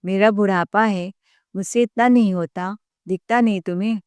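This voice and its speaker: A woman's voice: mid-range voice, steady tone, moderate pace, clear, resonant tone, dry recording, natural voice. A woman voicing a strict, scolding older mother-in-law in a told story. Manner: sharp, scolding.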